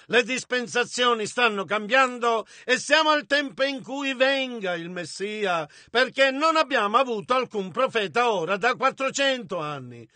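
A man interpreting a sermon with emphasis, at times breaking into shouts. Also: very high-pitched, no echo.

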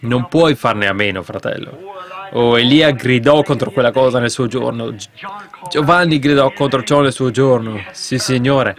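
A man preaching a sermon, emphatic, with many rhetorical questions to the congregation, swinging between raised bursts and low asides. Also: moderate pace.

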